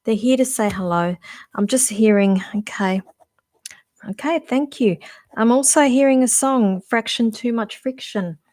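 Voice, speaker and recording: Woman, middle-aged, slightly high voice, psychic reader, casual live stream, rambling, halting restarts. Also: a little mellow. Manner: chatty, musing aloud, halting with restarts and fillers.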